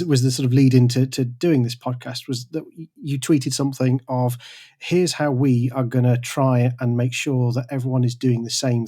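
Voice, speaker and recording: A man's voice: medium pitch, warm tone. A man hosting a medical podcast, asking questions in a conversational, slightly hesitant way. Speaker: podcast host. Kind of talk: podcast interview.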